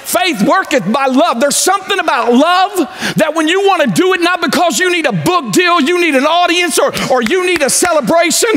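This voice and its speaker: A pastor in his forties preaching a sermon on a large church stage, pacing as he talks and swinging from loud to low. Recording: echoey church hall.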